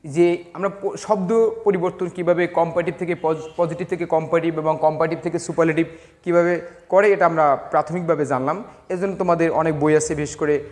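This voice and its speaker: A man teaching a grammar lesson to students, speaking slowly and deliberately, spelling words out letter by letter and pausing with hesitations. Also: on the high side, steady tone, darkish tone. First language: Bengali. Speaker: English teacher.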